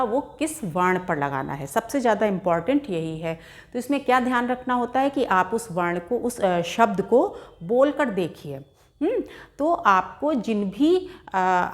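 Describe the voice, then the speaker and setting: A woman gives a school grammar lesson in a patient, teacherly way. She speaks straight to her students and slows down to sound out each example word syllable by syllable. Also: on the high side. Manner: patient, addresses children directly, sounds out words slowly. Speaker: Hindi teacher.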